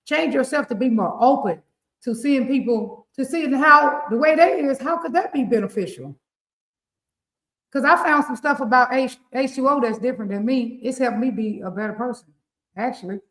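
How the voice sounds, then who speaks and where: An animated woman with a rural Southern US accent hands out relationship advice on a live-stream show. She talks casually and preaches a little, with a fairly high voice and a roomy echo around her. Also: normal speed. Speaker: relationship coach co-hosting a morning show.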